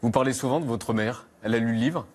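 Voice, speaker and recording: A man's voice: mid-range voice, fast talker, a little hiss or hum. A man interviewing a guest on television, asking short, direct, probing questions.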